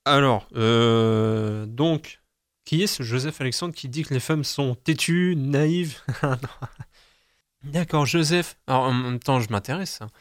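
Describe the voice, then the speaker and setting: A man's voice: mid-range voice, measured pace, no room sound. Chatty young man, dry close sound. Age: young adult. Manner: chatty, self-mocking, stumbles over words. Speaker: host. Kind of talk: casual reading of daily almanac.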